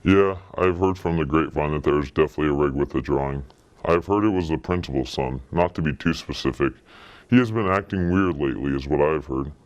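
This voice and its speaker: An anonymous witness in a student news interview, speaking through a pitched-down disguise effect and hedging as they pass on rumors. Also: brisk, lo-fi sound. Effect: voice pitched down to disguise identity.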